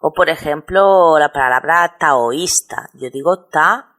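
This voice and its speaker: Low voiced lady teacher, patient, spells out syllables slow. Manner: patient, explains step by step and spells out syllables slowly. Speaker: Spanish teacher. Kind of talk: recorded lesson on spelling rules.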